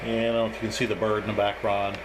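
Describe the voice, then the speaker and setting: Here the reviewer rattles along at a rapid-fire pace, his lowish voice staying monotone as he tries out radio equipment and muses hesitantly. There's noticeable noise behind him.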